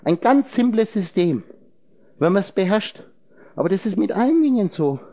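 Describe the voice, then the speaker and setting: A man's voice: high voice, sing-song, moderate pace, dark tone. A man lecturing a group on esoteric ideas, rambling as he breaks words into letters and numbers and puts questions straight to his listeners. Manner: talks directly to listeners with questions. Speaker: speaker addressing a group.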